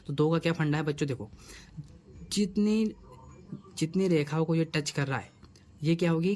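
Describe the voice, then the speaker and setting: Quick-talking male math teacher. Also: a little high, a little mellow. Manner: repeats questions to the students, coaxing. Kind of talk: whiteboard math lesson.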